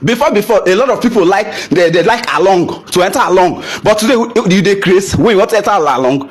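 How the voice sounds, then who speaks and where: This is an impassioned rant to camera from a young adult Nigerian man, a photographer, who switches between English and Pidgin and pounds on rhetorical questions. His high-pitched voice is expressive and husky, moving fairly quickly.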